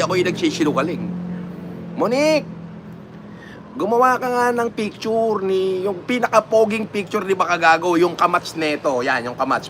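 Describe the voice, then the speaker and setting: A Filipino man hosts a casual live stream, reading viewer comments and mocking his rivals with frequent laughter. His voice sits a little high for a man. Clear street and car noise runs underneath. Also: fairly bright tone.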